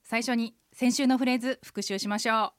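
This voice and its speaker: A woman in her forties hosts a radio language lesson, her somewhat high voice moving slowly through each explanation. The studio sound is dry and close to the mic, with no room echo. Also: steady tone. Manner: slow, careful explaining.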